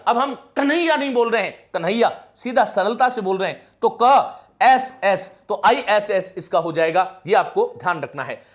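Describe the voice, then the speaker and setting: A middle-aged teacher with a notably high voice gives an exam-prep lecture. He explains rules step by step, often posing a question to the class and answering it himself. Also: a bit bright.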